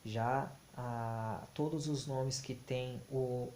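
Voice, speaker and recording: A man gives a slow, deliberate teaching talk, his tone dark and level with little rise or fall. He keeps pausing on fillers and restarting his phrases. The room rings with echo over a faint hiss. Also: medium pitch. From Brazil. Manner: halting, many fillers and restarts; slow, deliberate, flat delivery. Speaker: Bible teacher. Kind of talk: explanatory talk on Hebrew grammar.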